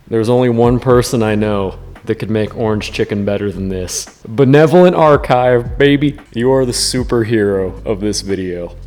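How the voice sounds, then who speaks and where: Giggly drunk man, low-voiced, in a reverberant room. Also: moderate pace, a little mellow. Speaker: host of a drunk cooking video. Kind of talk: casual cooking vlog chat. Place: indoors in a kitchen. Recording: reverberant room, music behind.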